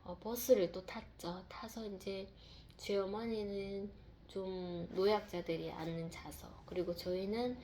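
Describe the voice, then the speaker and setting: A woman in a mid-pitched voice tells a personal faith testimony as a mother. She rambles, fills pauses and repeats herself. A faint background hiss sits under her voice. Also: fairly even intonation, warm tone. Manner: rambling, full of fillers and repeated words.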